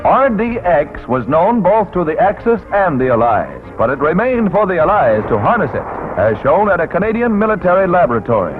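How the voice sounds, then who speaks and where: A man narrating a 1940s wartime newsreel in a brisk announcer delivery with punchy quips, heard as old newsreel sound. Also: high voice, sing-song. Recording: tinny 1940s newsreel soundtrack with loud music.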